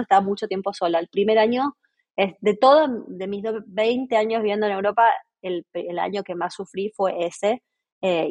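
A woman in her forties with an Argentine accent, a podcast guest talking freely and telling stories with many restarts. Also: lowish voice. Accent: Argentine Spanish. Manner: chatty, many restarts, lively storytelling. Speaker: interview guest. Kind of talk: casual podcast conversation.

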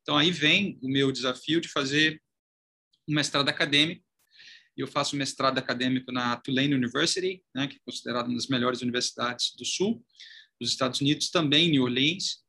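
A Brazilian man in his forties from Salvador, Bahia, tells the story of his career as a chamber of commerce president during a conversational interview. He talks briskly in a husky, sharp, mid-range voice, articulate but with lots of fillers.

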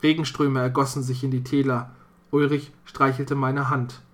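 A narrator reading a dark folk tale in the first person, measured and storytelling. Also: medium pitch, level tone. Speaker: audiobook narrator.

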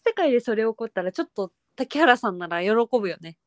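Lively young woman co-host, expressive. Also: fairly high pitch, fast talker, no room sound, studio quality. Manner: responsive listener with frequent backchannel and laughter. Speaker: podcast co-host. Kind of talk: casual chat, listening and reacting.

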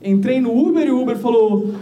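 A man's voice: very high-pitched, lively intonation, fairly quick, dark tone. A man performing a stand-up set, telling a crude dating story with punchlines. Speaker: stand-up comedian. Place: comedy club stage. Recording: echoey comedy club.

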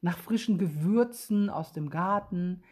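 A woman voicing a curious, kind young boy in a children's story, calm and reassuring, with a breathy voice. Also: on the low side, a little slow.

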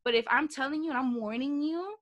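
Bright, high-voiced young woman telling gossip. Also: quick pace, dull audio. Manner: slangy, emphatic, animated storytelling. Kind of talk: casual gossipy storytelling chat.

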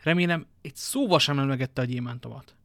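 A man's voice: mid-range voice, fairly bright tone, dry recording, close to an everyday voice. A man reading an audiobook and voicing D'Artagnan, a hot-headed young musketeer, with an agitated, exclaiming manner.

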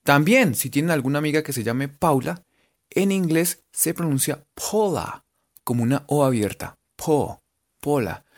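A language teacher with a Colombian accent giving a playful lesson, spelling words letter by letter and stretching out words to sound them out. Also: medium pitch. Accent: Colombian Spanish. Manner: animated, drawn-out sounding-out of words.

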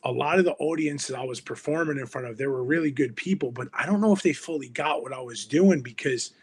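A musician guest from Hudson County, New Jersey, chats casually on a podcast in a husky, mid-range voice at a fairly quick clip. He's slangy and animated, swearing heavily and saying "yo" a lot.

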